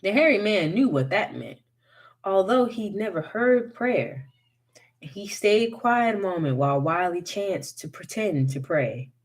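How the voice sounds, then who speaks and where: A woman reading a folktale aloud as a storyteller, in an unhurried, expressive way. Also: medium pitch.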